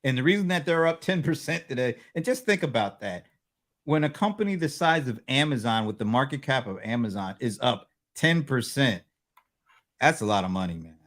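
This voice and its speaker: A man's voice: medium pitch, sing-song, fairly quick, a bit bright. A man co-hosting a casual business show, joking and walking through earnings numbers with asides. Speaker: co-host.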